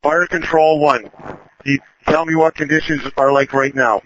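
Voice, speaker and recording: A man's voice: on the high side, steady tone, normal speed, fairly bright tone. A man working as a fire control officer, making urgent, procedural firefighter radio calls in clipped phrases over a two-way radio. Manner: procedural, clipped call-and-response. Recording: muffled radio with faint noise, clicks.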